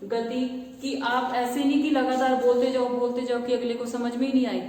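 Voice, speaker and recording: A woman teaching a classroom lecture, asking and answering her own questions and repeating terms slowly as she writes on the board. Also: on the high side, little pitch movement, darkish tone. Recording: echoey classroom from far off, faint ambience.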